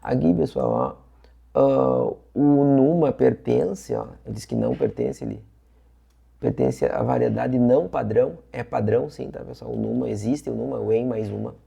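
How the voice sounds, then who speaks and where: A man's voice: mid-range voice, very animated, moderate pace, gravelly, dark tone, husky. A man teaching an exam-review lesson in a chatty way, repeating points and checking in with his students. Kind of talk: casual online lesson.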